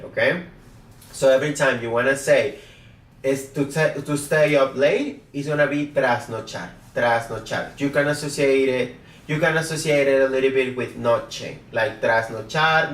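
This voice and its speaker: A man teaching a beginner Spanish lesson in a lively way, who keeps checking in with his viewers and repeats example words aloud. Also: mid-range voice. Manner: energetic, repeats "guys" and "okay?", drills words aloud. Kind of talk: online language lesson. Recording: roomy echo, mic at a distance.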